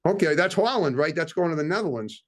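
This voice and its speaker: Brief: fast, slightly high-voiced male host, chatty interviewer. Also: animated. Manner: quick, chatty questions with restarts. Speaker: talk show host. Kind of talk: casual interview.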